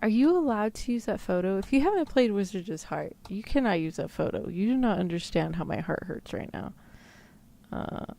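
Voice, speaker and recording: Here a woman with a mid-range, expressive voice, creaky yet mellow, talks at a moderate pace. She's a VTuber and ASMR roleplayer in casual livestream chat, joking around with plenty of incredulous exclamations and some mild cursing.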